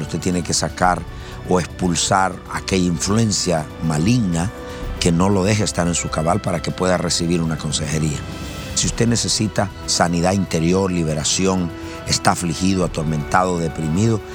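A male preacher delivering a sermon, moving from calm teaching to fiery shouting. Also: sits low. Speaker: apostle preacher.

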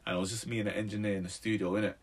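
A man's voice: fairly low pitch, level tone, very fast, breathy edge. A man in his twenties with a London roadman accent, chatting casually as a musician being interviewed, in street slang. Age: 20s. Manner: street slang, tags sentences with "innit" and "bro".

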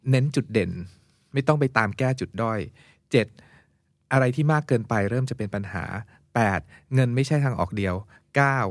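A man's voice: mid-range voice, no room sound. A man co-hosting a podcast who talks through a book in a casual way and runs through its points in numbered order. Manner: brisk, walks through points in numbered lists. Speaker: podcast co-host. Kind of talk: casual book-discussion chat.

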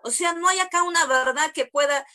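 A woman's voice: sits high, a little fast, pushed and bright. A woman preacher giving a conversational sermon, full of rhetorical questions addressed to her listeners.

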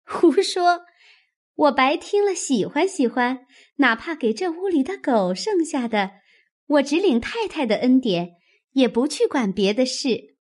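Woman doing a chirpy high-voiced young maid. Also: big pitch swings, a little slow, darkish tone. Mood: cheerful. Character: young maid, chatty, cheerful and eager.

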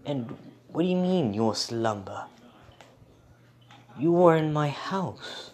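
A man voicing a young male farmhand who shouts back indignantly. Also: a little high, expressive, takes it slowly.

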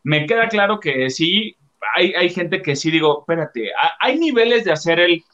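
Bright-voiced rambling Mexican man. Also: fairly high pitch, expressive, normal speed, dull audio. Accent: Mexican Spanish. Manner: rambling, self-deprecating. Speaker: show co-host. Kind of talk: casual chat.

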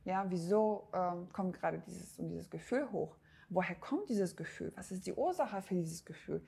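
Gravelly, husky woman coaching listeners. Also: on the low side, lively intonation, normal speed, warm tone. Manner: direct, coaching, addresses the listener as du; frequent hesitation fillers. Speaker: podcast host. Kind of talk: motivational self-help talk.

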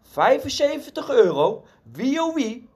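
A man's voice: very high-pitched, sing-song, unhurried, darkish tone, pitched above the performer's own voice, heavily acted. A man doing a stubborn, insistent auctioneer. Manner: insistent calling for bids. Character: stubborn persistent male auctioneer.

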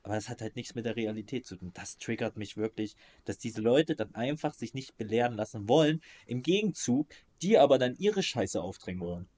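A man's voice: mid-range voice, expressive, a little fast, few pauses, darkish tone. A man co-hosting a podcast in casual chat, ranting emphatically in slangy words and often restarting his sentences. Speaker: podcast co-host.

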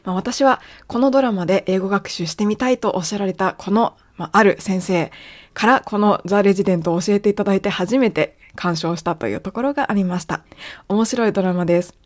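A woman whose native language is Japanese, hosting an English lesson podcast, explaining and slowly modeling English phrases. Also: mid-range voice. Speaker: English teacher.

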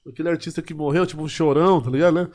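Fast-talking São man, slangy. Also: on the high side, fairly even intonation, a little mellow. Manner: slangy, heartfelt, rambling. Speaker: podcast guest. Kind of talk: casual storytelling chat.

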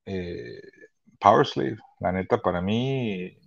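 Low-voiced man telling stories. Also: slow pace, gravelly, highs cut off. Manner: profane, animated, many restarts. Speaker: guest. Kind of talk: casual storytelling chat. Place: Chula Vista hospital.

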